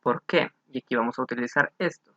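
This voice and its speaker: A young man with a Salvadoran Spanish accent, teaching English grammar in a recorded online lesson and repeating words slowly for pronunciation. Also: medium pitch, pushed and bright. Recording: dull lo-fi recording.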